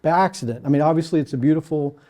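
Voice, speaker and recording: A middle-aged man from Kentucky answers interview questions with plenty of pauses and restarts. His voice is mellow and warm, sitting a touch higher than most men's. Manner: hesitant, many fillers and restarts. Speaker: landscape architect guest. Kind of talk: casual interview chat.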